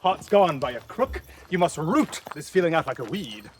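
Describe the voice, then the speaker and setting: Witty court fool, man, high voice, lively swooping pitch, rhyming quips, faint outdoor noise. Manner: quick, teasing, rhyming quips. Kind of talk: stage play acting. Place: outdoors on a farm. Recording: outdoor stage recording with light noise.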